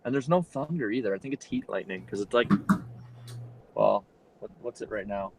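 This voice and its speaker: A man's voice: fairly low pitch, normal speed, vocal fry, poor audio. Laid-back man chatting on a podcast. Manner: laid-back, trails off, laughs often. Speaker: podcast panelist. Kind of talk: casual chat.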